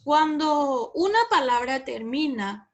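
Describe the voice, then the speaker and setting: A Paraguayan woman teaching a recorded class, her voice sitting fairly high. She talks slowly and deliberately, repeating each example and checking that students follow. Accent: Paraguayan Spanish.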